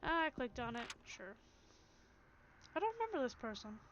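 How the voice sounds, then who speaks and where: A woman streaming a narrative game, reading its text aloud and reacting in an animated, giggly way. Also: a little high, normal speed, a little hiss or hum. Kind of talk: game narration and live commentary. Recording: dull lo-fi stream audio with game music.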